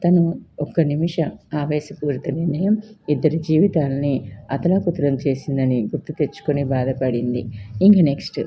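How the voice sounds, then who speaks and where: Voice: medium pitch, moderate pace, lo-fi sound, a little hiss or hum. A storyteller narrating a love story and voicing all its characters in a plain reading.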